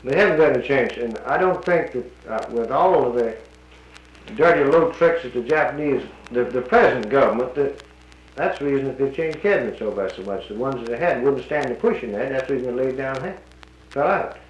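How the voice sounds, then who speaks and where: A man's voice: medium pitch, brisk. A man from North Carolina, heard on an old 1941 archival recording, talking plainly and firmly about the war in casual conversation. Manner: plainspoken and firm, cites the radio news. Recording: muffled, roomy old recording with faint hiss.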